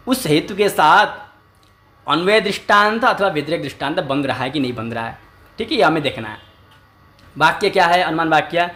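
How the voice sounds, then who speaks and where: A man's voice: a little high, bright, forceful tone. A man teaching a classical Sanskrit logic text as a lecture, often asking rhetorical questions and answering them himself, and repeating key terms.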